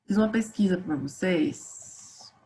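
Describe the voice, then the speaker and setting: A woman's voice: on the low side, takes it slowly, dark tone, slight background noise. A woman teacher with a Brazilian Portuguese accent, giving a casual, chatty grammar lesson and calling her students "gente".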